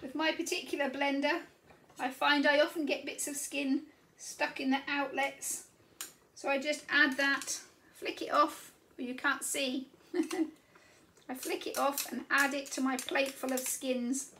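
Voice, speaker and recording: A woman's voice: sits high, little pitch movement, measured pace, sharp tone, slight background noise. A woman in her fifties chatting cheerfully as she shows each step of cooking in her home kitchen. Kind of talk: casual kitchen demonstration. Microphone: camera mic at a distance. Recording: roomy kitchen sound, mic a little far off.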